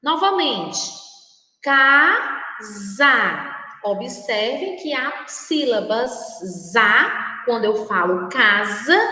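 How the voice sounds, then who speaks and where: A woman teacher with a Brazilian Portuguese accent, giving a recorded lesson to children and speaking slowly and carefully, repeating words for them to say aloud. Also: high voice, a bit bright. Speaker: primary school teacher. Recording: very echoey room with long reverb.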